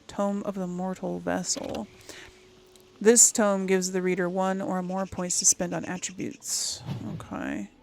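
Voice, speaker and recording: She hosts gaming videos, offering relaxed commentary as she thinks aloud, murmurs to herself and reads item text out. Her fairly low voice is gravelly and a little mellow, at a measured pace.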